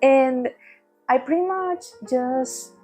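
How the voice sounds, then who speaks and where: A woman's voice: high-pitched, takes it slowly, mellow, husky, soft background music. A woman vlogging in a casual ramble, laughing often and restarting her words, recorded on a tablet at home. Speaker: vtuber vlogger. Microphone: tablet mic.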